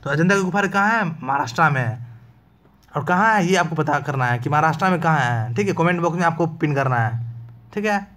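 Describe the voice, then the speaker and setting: A man's voice: fairly high pitch, expressive, brisk, a bit bright. A man teaching an online exam-prep lesson in a casual, chatty way, often checking whether his students follow. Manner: talkative, keeps asking "clear?".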